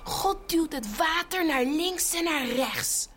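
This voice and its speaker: A woman narrating a Bible story for children, switching between hushed whispers and lively character voices. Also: high voice, takes it slowly, soft background music.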